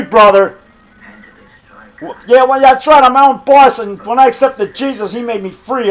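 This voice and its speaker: A man's voice: extremely high pitch, poor audio. A middle-aged man in a combative, off-the-cuff phone argument, defiant and boastful, punctuating his points with "brother" and "pal.". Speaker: low-budget monster movie maker.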